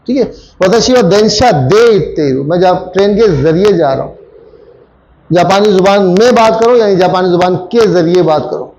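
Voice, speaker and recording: A man's voice: high voice, darkish tone, slight background noise, low-quality recording. A man teaching a Japanese grammar lesson to a classroom of students, repeating phrases and quizzing them with frequent questions.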